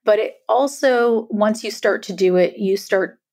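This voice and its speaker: A woman's voice: mid-range voice, measured pace, darkish tone. A middle-aged woman, a guest author, speaking earnestly in a podcast conversation, often checking in with "right?". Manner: earnest, emphatic, frequent "right?" tags.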